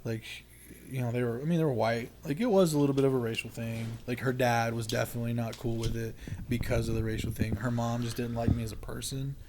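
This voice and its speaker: A man's voice: medium pitch, steady tone, fast, background noise. A young man sharing his story as a podcast guest, casual and candid, rambling with lots of filler and swearing. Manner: rambling, heavy use of "like" and swearing.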